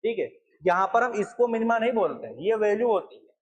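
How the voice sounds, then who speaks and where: A man's voice: high voice, big pitch swings, a little fast, highs cut off. A young man lecturing on math at a board, repeating points and asking his students questions. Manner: repetitive, asks students questions. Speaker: math teacher.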